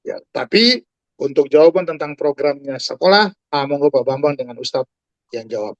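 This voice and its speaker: A man in his forties speaks with a fairly high, lively voice. He addresses his audience directly, like a preacher. The call audio sounds dull and dry, with no room around it. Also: normal speed, no echo. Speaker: guest speaker. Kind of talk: talk to an online audience. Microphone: video call.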